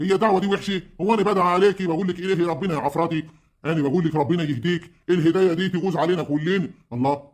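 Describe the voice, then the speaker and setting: A man's voice: a little high, a little mellow, close to an everyday voice. A man with an Egyptian accent playing an older, fair-minded village uncle who pleads and scolds. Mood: exasperated.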